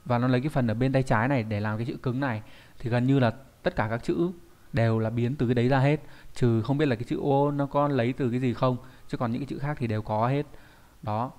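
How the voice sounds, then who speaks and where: A man's voice: medium pitch, a little mellow. A man teaching an online Japanese grammar lesson, explaining patiently, thinking aloud with fillers and often asking his students whether they follow. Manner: explains patiently, often checks with "đúng không?".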